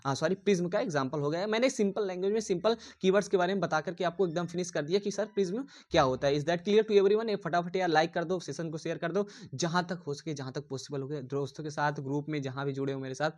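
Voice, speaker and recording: A man's voice: fairly high pitch, fast. A man giving a casual online engineering drawing lesson, repeating himself often and calling viewers dear. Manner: repetitive, rambling, addresses viewers as dear.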